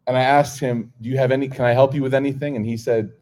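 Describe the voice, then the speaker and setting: A middle-aged American man delivers an informal sermon to a live audience, talking fast in a mid-range voice. He tells animated stories, acts out the dialogue, and laughs often.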